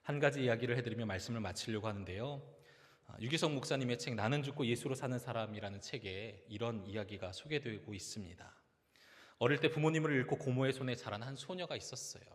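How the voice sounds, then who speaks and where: A man's voice: mid-range voice, quick pace. Man pastor giving a sermon, earnest storytelling, middle voice, long church echo. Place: church sanctuary. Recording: long reverb of a church hall.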